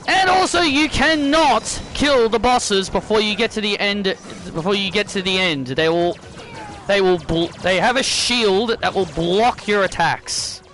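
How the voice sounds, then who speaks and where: A man's voice: high-pitched, a little slow, a bit bright, faint music behind. A man giving casual video game commentary, often repeating and rephrasing his own phrases. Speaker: gameplay commentator.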